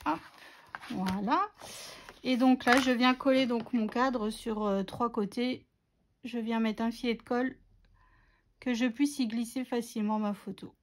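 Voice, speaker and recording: A woman's voice: a little high, fairly even intonation, measured pace, long pauses. A woman narrating a scrapbooking tutorial in a chatty, self-mocking way, with many fillers. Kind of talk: casual craft tutorial narration.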